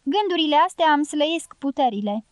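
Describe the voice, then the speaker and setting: A blunt, teasing guerrilla woman with a strong, pleasant voice, as a woman reads her out. The voice sits high and the recording is dry and close, with no room sound. She jokes with an edge. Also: expressive, no echo. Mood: bold teasing. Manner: teasing, forceful.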